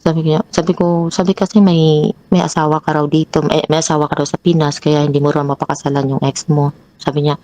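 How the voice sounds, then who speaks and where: A woman telling her own troubled story as a guest, hesitant and halting with many restarts. Her pitch jumps up sharply when she relives an argument. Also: little pitch movement, mellow, low-quality recording. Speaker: guest sharing a personal story. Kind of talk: confessional personal storytelling.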